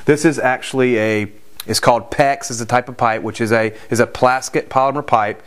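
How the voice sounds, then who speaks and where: A man's voice: mid-range voice, fairly even intonation, normal speed. A man in his forties, a general contractor, casually explaining work on site in an unfinished house, with frequent restarts and fillers. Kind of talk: on-site construction walkthrough. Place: unfinished house interior with bare stud walls.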